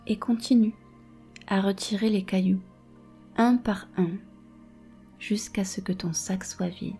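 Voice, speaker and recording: Soft breathy woman doing guided meditation right in your ear, bit of vocal fry, faint music behind. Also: mid-range voice, steady tone, takes it slowly. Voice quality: soft, breathy, often slipping into a whisper.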